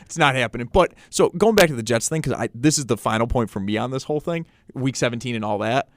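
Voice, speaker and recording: A young man co-hosting a sports podcast in casual chat, excitable, swearing often and laughing a lot. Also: medium pitch, fast talker, no echo. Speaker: podcast co-host.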